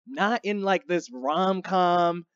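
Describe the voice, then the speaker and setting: A man hosting a casual movie review chat, with a relaxed, laid-back delivery. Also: sits high, slow, clean tone, dry recording, muffled recording. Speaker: film review show host.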